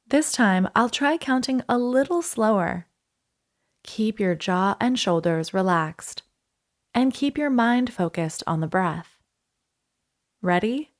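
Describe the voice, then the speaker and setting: Speaking in a mid-range voice, this female instructor leads a calm, unhurried breathing meditation. Her instructions are short, with pauses left between them.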